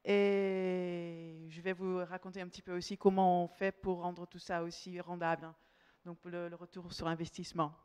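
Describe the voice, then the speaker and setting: A woman's voice: lowish voice, level tone, normal speed, darkish tone, clear, resonant tone. A woman from the Netherlands with a Dutch accent, giving a conference presentation in a hesitant way, often repeating words mid-phrase. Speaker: company representative, conference speaker.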